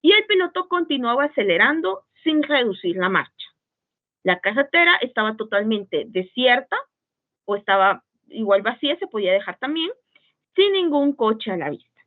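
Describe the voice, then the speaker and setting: A woman's voice: a little high, very animated, moderate pace. A woman teaching an online writing class, patient and checking often that students follow. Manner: patient, checks understanding with frequent "¿sí?". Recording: tinny phone-like call audio.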